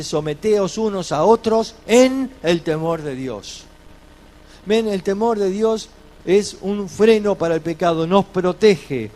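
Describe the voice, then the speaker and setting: A man preaching a sermon, slowing on key phrases and dropping quiet for scripture readings. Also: high-pitched.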